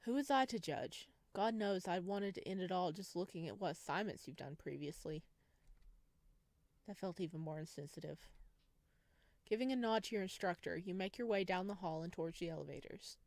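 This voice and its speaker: Playing through a visual novel, this woman reads the game's text in an easygoing manner and slips in her own jokey comments. She speaks fairly quickly in a lowish, slightly mellow voice, and there's no echo.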